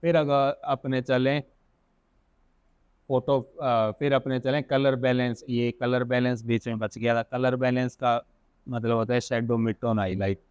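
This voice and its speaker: A man with an Indian accent teaching software in a casual screen-recorded tutorial, thinking aloud and correcting himself as he goes. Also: mid-range voice, little pitch movement, measured pace, smooth, no echo. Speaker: software instructor.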